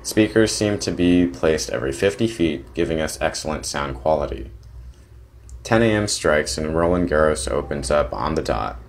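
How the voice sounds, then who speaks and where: Young male vlogger, very low voice, plain detailed diary-style narration. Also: lively intonation, moderate pace, gravelly. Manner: plain, detailed descriptive narration with small restarts.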